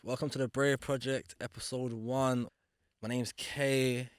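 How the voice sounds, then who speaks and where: Relaxed young male podcast host. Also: mid-range voice, unhurried, clean tone, dry recording, studio quality. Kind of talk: casual podcast intro and chat.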